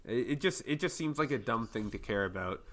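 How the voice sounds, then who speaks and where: A man's voice: medium pitch, expressive, fairly quick, a bit bright, slight background noise. A young man co-hosting a casual podcast, making wry offhand jokes and hedging with "I mean". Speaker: podcast co-host.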